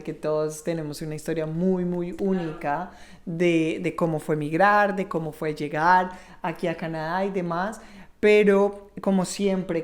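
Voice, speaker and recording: Low-pitched woman hosting a podcast. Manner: warm encouraging interjections, rambling questions. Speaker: podcast host. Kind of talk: conversational interview.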